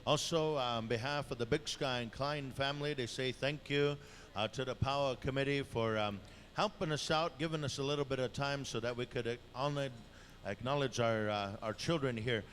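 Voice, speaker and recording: A man working as a powwow emcee, announcing live in an informal, halting way and drawing out the names he calls. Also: medium pitch, a bit bright. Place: powwow dance arena. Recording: noisy live event PA announcement. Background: clear event noise and ambience.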